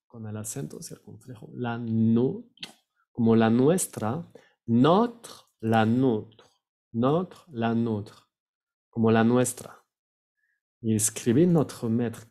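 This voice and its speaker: A man teaching French pronunciation, repeating words slowly and sometimes searching for the right word. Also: mid-range voice, mellow. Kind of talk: pronunciation lesson.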